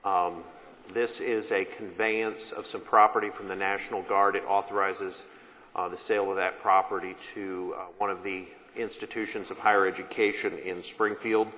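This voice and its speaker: A man, a state senator, speaking on a bill haltingly with many fillers. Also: sits low, little pitch movement, sharp tone. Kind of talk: floor speech. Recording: reverberant chamber with faint room noise.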